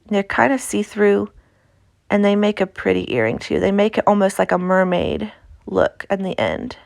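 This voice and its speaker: A woman's voice: medium pitch, expressive, moderate pace, gravelly, no echo, studio quality. A woman with an Appalachian accent talks through a craft tutorial in a casual, chatty, informal way. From Appalachia, United States. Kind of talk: casual instructional craft voice-over.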